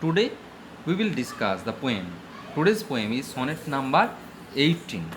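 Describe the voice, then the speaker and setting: A middle-aged man with a Bengali accent lecturing as a high school English teacher, slow and deliberate in English, quicker in Bengali. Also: big pitch swings, fairly bright tone, a little hiss or hum. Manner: switches between slow deliberate English and rapid explanatory Bengali. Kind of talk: classroom lecture.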